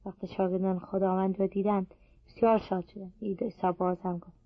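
Woman reader, scripture reading, even and unhurried, dry muffled recording. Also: medium pitch, no echo. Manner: steady, measured reading pace.

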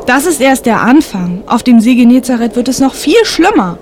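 A woman's voice: a little high, big pitch swings, moderate pace. A woman playing a patient, knowing storyteller who explains things in a children's radio play. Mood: explaining. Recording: clear storm noise behind narration.

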